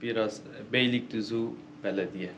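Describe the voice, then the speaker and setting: A man from Iran with an Iranian accent, chatting casually in halting, simple Turkish as a foreign learner, his native language being Persian. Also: fairly low pitch, steady tone, fairly bright tone, slight background noise. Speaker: host's local friend. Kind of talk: casual chat.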